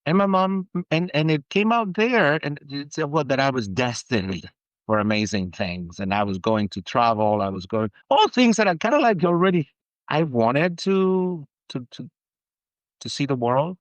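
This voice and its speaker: A man from Argentina, a perfumer, talking as a guest in a casual interview, halting with many restarts and growing animated when excited. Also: fairly high pitch, dry recording, highs cut off.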